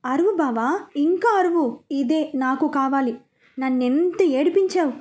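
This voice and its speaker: A woman's voice: high voice, a little slow, a little mellow. A woman voicing a hurt, reproachful young wife in an audio story, pleading and scolding by turns. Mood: emotional.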